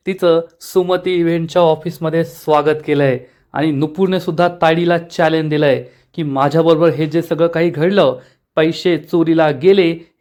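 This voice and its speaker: A man narrating a recap of a TV serial episode as its reviewer, telling the story briskly. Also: on the high side, a little mellow.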